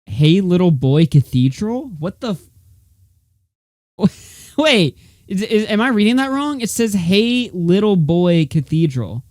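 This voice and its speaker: A man's voice: high-pitched, lively intonation, measured pace, pauses often, a little mellow, no room sound, studio quality. A man reacting to a video in casual commentary, incredulous and profane, laughing often. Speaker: podcast co-host reacting to a video.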